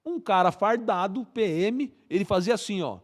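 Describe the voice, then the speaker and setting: Speaking at a moderate pace with lively intonation, the police colonel guest's voice sits high. The middle-aged man recounts a story in a casual interview, vividly reproducing gunshots and the voices of those involved.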